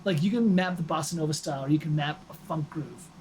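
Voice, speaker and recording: A young man hosting a casual chat about music, animated, rambling and quick to laugh. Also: fairly high pitch, slight background noise. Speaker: host.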